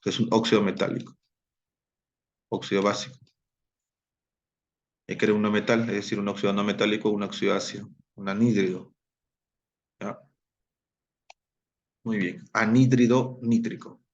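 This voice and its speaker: A man's voice: on the low side, little pitch movement, normal speed, pauses often, lo-fi sound. A man teaching a chemistry lesson, explaining step by step, repeating key terms and checking in with his students.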